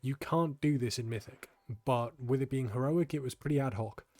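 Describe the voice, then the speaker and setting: A man's voice: medium pitch, moderate pace. Tired young man explaining gameplay. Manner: relaxed, explanatory, frequent ums. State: tired, yawning. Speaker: gaming channel host. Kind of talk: casual gameplay guide commentary.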